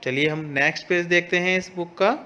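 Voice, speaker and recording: A man's voice: sits high, brisk, pushed and bright. A man teaching a young class in a lesson video, explaining patiently and reading English lines aloud. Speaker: school teacher.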